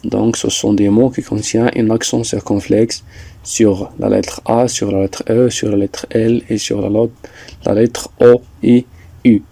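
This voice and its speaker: A man teaching a French lesson, explaining slowly and deliberately, repeating points with some hesitations. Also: on the low side, flat delivery, creaky, warm tone, dry recording. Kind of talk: slow classroom explanation.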